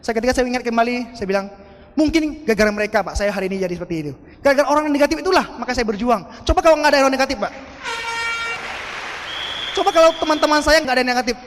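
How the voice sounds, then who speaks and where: Motivational speaker, man, very high voice, long hall echo, animated and audience-directed. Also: racing, a little hiss or hum. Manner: animated, addresses the audience as "Pak" and asks "betul nggak?". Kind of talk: motivational seminar talk.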